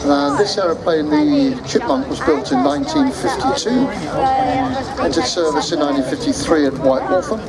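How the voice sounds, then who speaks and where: A man's voice: fairly high pitch, expressive, moderate pace. A man giving airshow commentary, announcing to spectators. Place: outdoor seafront airshow, heard over loudspeakers. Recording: outdoor public address, loud crowd noise. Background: loud crowd and aircraft.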